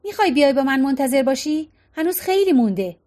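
A woman's voice: sits high, big pitch swings, mellow. A woman voicing a middle-aged mother who soothes and reassures. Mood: chatty.

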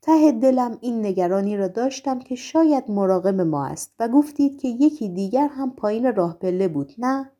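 A woman's voice: fairly high pitch, animated, warm tone, dull audio. A woman voicing a fawning, effusive male henchman in a storybook reading.

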